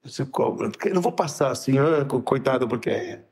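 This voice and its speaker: Animated São rabbi storytelling. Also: male voice, fairly quick. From Brazil. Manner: lively storyteller who acts out dialogue with sudden high shouts. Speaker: rabbi and podcast co-host. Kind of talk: casual podcast chat.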